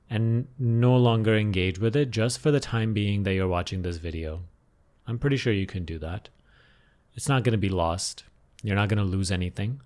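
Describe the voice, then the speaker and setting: A man guides an unscripted meditation as a teacher, his voice fairly low. His instructions come gently and without hurry, with pauses and phrases he repeats.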